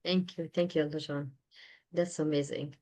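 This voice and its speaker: A woman moderating a video call, giving brief thanks and quick handoffs to the speakers. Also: low-pitched, steady tone, mellow.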